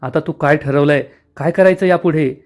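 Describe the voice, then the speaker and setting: A man voicing an anxious middle-aged father trying to calm everyone down. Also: a little high, normal speed, lightly acted. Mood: placating. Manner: soothing, nervous.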